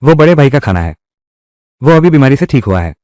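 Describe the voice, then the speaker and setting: A man's voice: medium pitch, sing-song, a little fast, darkish tone, dry recording, clean studio sound, lightly acted. A man voicing heated, scolding family quarrels in dubbed drama dialogue. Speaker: voice actor dubbing a village family drama.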